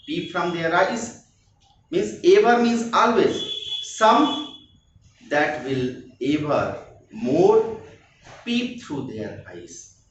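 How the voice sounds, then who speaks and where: Slow, echoey male teacher explaining a play. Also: fairly high pitch, dull audio. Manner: slow, repetitive paraphrasing, frequent "okay" checks. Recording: very echoey room, voice far from mic, faint noise.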